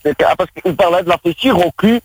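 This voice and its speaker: A man's voice: high voice, lively intonation, a little fast, fairly bright tone, slightly rough, no echo, exaggerated voice, poor audio. A male prank caller on a radio show talking in a put-on, exaggerated foreign accent. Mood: joking.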